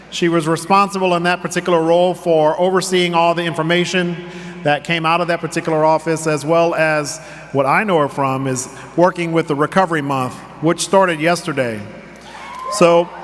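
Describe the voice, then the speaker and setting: Upbeat male emcee with a high voice, introducing a speaker; reverberant hall. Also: fairly bright tone. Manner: upbeat, engaging the audience. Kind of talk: stage introduction. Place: large convention hall.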